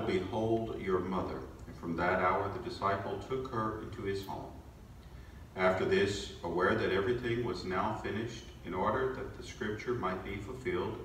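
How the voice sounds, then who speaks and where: A man's voice: on the low side, fairly bright tone. Man, priest, cathedral echo, faint background hiss, gospel reading and homily. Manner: halting, self-correcting in the homily. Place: large church. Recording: echoey church, distant mic, faint noise.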